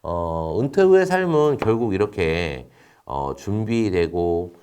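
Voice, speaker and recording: A man with a lowish voice lectures in an explanatory, conversational way. His pitch swings up and down animatedly as he poses questions and answers them himself, with hesitant fillers between points. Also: slow pace, music in the background. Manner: frequent fillers, lively rises and drops in pitch. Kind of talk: recorded lecture.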